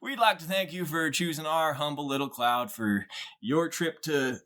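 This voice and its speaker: A man's voice: on the high side, moderate pace, a bit bright, pitched above the performer's own voice, natural voice. A man voicing a polite, cheerful airline announcer reading safety notices. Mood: polite cheery. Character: chipper adult airline announcer on a cloud flight.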